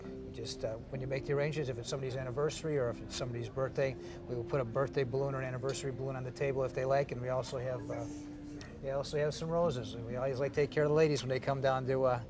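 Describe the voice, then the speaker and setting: In a restaurant's bar and dining room, with music playing, a middle-aged manager chats easily to the camera about his establishment, his host-like pitch heavy with fillers. He talks very fast in a steady tone during this interview.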